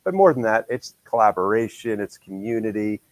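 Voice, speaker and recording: A man's voice: on the low side, sing-song, fairly quick, no echo, low-quality recording. A man hosting a casual podcast, his voice nasal from a cold, upbeat and promotional. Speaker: podcast host.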